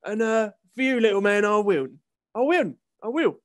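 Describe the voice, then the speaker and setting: A man's voice: high voice, lively intonation, normal speed. A man voicing a crude, boastful halfling team manager with a Cockney accent, swearing constantly. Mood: earnest. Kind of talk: comedic voice acting.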